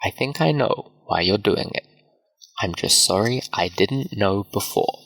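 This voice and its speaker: Kind gentle teen girl, a man reading her, low gravelly voice. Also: expressive, a little slow, no room sound, exaggerated voice, rough recording.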